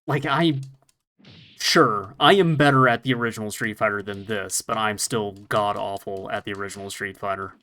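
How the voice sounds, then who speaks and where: A man's voice: lowish voice, fairly even intonation, normal speed, pushed and bright. A man co-hosting a podcast, chatting casually while playing a retro fighting game, joking about himself, laughing and swearing now and then. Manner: self-deprecating, laughs often, swears casually. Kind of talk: casual gameplay chat.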